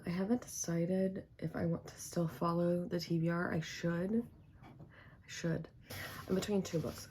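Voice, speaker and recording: A young woman vlogging casually about her day, with a husky voice, relaxed and slangy, sometimes dropping to a whisper. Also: on the low side, slight background noise. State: husky from headaches. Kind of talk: casual vlog chat.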